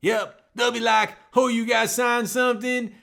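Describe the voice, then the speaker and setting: A man's voice: very high-pitched, flat delivery, unhurried, gravelly, bright, forceful tone, voice pushed up, exaggerated voice. A man voicing a folksy know-it-all male sidekick who drawls in loose, ungrammatical phrasing in comedic banter. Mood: smug.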